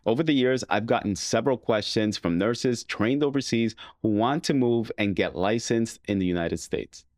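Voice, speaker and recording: Male host, friendly and conversational, lower voice, dry sound. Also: moderate pace, no room sound. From Dominican Republic. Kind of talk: interview and channel intro.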